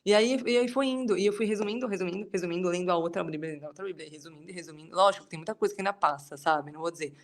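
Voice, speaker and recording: A woman's voice: fairly low pitch, rapid-fire, hardly any pauses. A Brazilian woman leading a Bible study group, sharing a personal testimony in a chatty, rambling way with many fillers. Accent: Brazilian Portuguese.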